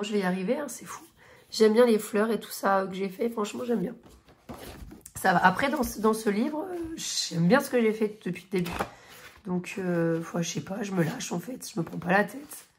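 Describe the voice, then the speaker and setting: A woman's voice: mid-range voice, moderate pace, darkish tone, slight background noise. A woman in her thirties chatting casually in a coloring vlog, gushing and rambling with many fillers and restarts. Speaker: coloring vlogger. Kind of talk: casual chat showing coloring books and finished pages.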